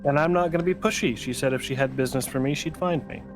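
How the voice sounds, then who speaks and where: A man's voice: mid-range voice, quick pace, music in the background, low-quality recording. A man chatting casually as a player in a tabletop roleplaying game.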